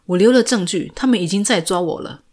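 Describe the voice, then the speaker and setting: A woman's voice: mid-range voice, fast, darkish tone, natural voice. Woman reading a desperate teenage boy. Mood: urgent.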